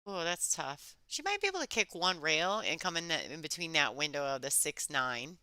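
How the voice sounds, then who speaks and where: A woman commentating live on a pool match in a restrained, soft-spoken golf-commentator voice, chatting conversationally as she follows the play. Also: sits low, sing-song, normal speed, smooth, no echo. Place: alone in a chilly room.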